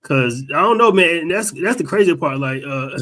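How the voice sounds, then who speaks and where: A man's voice: on the high side, lively intonation, normal speed, a bit bright. A man co-hosting a casual podcast, talking in loose slang with some swearing. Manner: slangy, profane. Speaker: podcast co-host.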